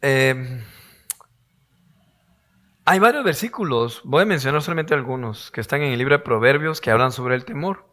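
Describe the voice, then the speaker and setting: A man preaching a sermon as pastor, his voice hoarse, asking rhetorical questions and acting out quoted voices. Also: medium pitch, animated, normal speed, pauses often, a bit bright.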